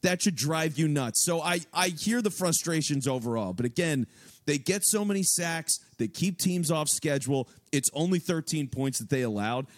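A man co-hosting a casual sports podcast, talking in an animated, profane and rambling way with many restarts. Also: on the high side, normal speed, no echo, studio quality.

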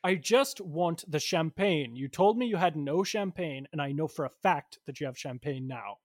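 Improv comic, male, exasperated customer energy, slightly raised pitch, dry close sound. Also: lively intonation, normal speed, a little mellow, no room sound. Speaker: improv performer. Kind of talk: improv comedy scene.

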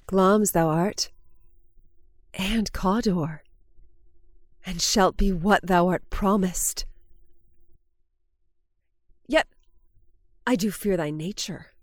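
An actress playing a ruthless, ambitious noblewoman in a Shakespearean drama, with an intense, deliberate delivery. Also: medium pitch, no echo, studio quality. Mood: scheming resolve. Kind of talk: dramatic Shakespearean stage-style acting.

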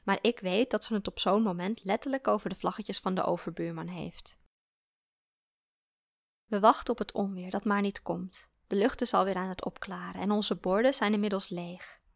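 Woman storyteller, calm and reflective, mid pitch, some fry. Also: normal speed, no room sound, clean studio sound. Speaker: narrator. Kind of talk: scripted story narration.

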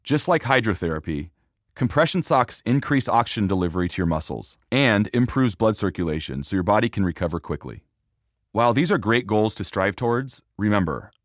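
Male podcast host for scripted narration, lively intonation, slightly low voice, close dry sound. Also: no room sound.

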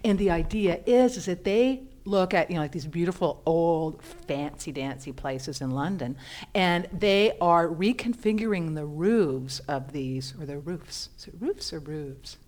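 A woman's voice: on the low side, normal speed, darkish tone. A woman, co-hosting a casual chat and presenting news items with enthusiastic, filler-filled talk. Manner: enthusiastic, chatty, many fillers.

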